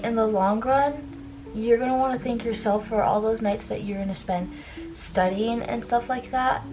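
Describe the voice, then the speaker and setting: In a rough-sounding recording, a young woman with a fairly high voice does her makeup and chats casually. She's a beauty vlogger sharing college advice, saying "like" often and tacking on trailing side comments.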